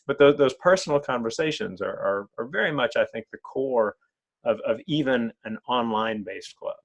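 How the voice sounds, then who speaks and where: A man's voice: mid-range voice, normal speed, vocal fry, dull audio. A man interviewing a guest in an online club meeting, who often repeats words while searching for phrasing.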